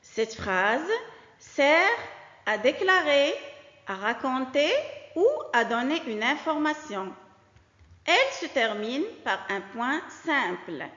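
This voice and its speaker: A woman teaching a grammar lesson to young children, with a clear, sing-song teacherly delivery that stresses key words. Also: high-pitched, animated, slow, pushed and bright. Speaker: primary school teacher. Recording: dull lo-fi recording.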